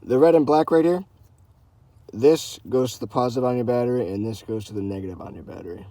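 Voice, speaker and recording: Speaking fast in a dark, mid-pitched voice, a man hosts a how-to car video. His talk is relaxed and informal, walking through every step with the same instructional phrases coming up again and again.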